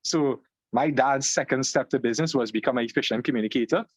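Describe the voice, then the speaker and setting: A man's voice: mid-range voice, fast talker, no echo. Trinidadian man telling his story. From Trinidad and Tobago. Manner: relaxed storyteller, fillers, "long story short". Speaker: guest. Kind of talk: conversational interview. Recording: slightly dull, dry call audio.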